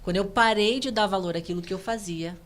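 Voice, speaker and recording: A woman in her thirties from Brazil, a guest giving an emotional personal testimony, animated and earnest. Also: medium pitch. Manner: fast, earnest, animated storytelling.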